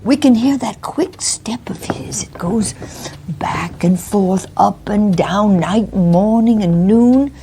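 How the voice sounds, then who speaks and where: Woman doing a nervous victorian landlady, slow and soft toned, deferential, stammers, mystery roleplay. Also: mid-range voice, slight background noise. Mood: anxious, deferential. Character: anxious, deferential Victorian landlady, poor and frightened. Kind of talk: dramatic role-play of a Victorian mystery.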